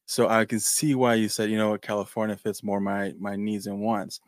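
Low-voiced podcast host, dry sound. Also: male voice, completely flat delivery, no echo. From Mexico. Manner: halting, many restarts and fillers. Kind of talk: casual interview talk.

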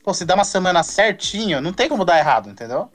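A man's voice: high voice, very animated, rapid-fire, a bit bright. A Brazilian man with a Brazilian Portuguese accent banters informally and jokingly on a podcast.

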